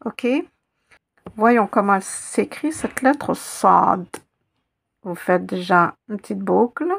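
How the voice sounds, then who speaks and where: Slow, patient woman teaching letters. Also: mid-range voice, animated, vocal fry, a bit bright, slightly rough. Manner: patient, repeats sounds and letters aloud. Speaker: Arabic teacher. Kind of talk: slow step-by-step language lesson.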